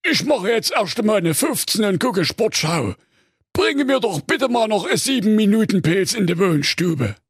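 A man's voice: high-pitched, sing-song, moderate pace, breathy edge, no echo, studio quality, pitched above the performer's own voice, heavily acted. A man voicing a greedy, pompous male ogre in a comic fairy tale, with a raised, blustering, bossy voice. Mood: smug. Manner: bossy, blustering, shouting orders.

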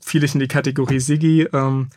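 Male author guest, measured and self-deprecating, mid pitch, dry close sound. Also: little pitch movement, a little mellow, dry recording. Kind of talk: casual interview and audiobook reading.

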